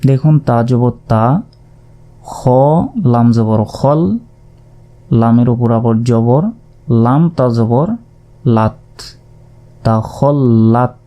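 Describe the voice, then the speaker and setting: A man teaching Quran reading, spelling out letters and vowel marks one by one and repeating syllables in a calm lesson. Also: medium pitch, takes it slowly, long pauses. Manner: calm, repetitive syllable drilling.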